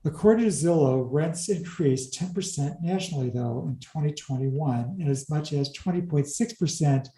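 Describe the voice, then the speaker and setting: A man explaining real estate figures in an interview, talking fast through the numbers with wry asides. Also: a little high, dark tone, echoey room, rough recording. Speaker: commercial real estate advisor.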